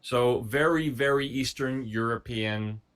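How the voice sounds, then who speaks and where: A man co-hosting a music reaction show, chatting in an easygoing, measured way and telling stories about the band. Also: medium pitch, a bit bright. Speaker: show co-host picking the music. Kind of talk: casual chat.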